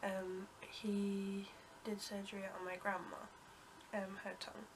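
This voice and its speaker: This congested young vlogger from the United Kingdom tells an unhurried, rambling story to camera. Ums, abandoned sentences, coughs and throat-clearing pepper her flat, even delivery. Beneath her voice sits a constant hiss.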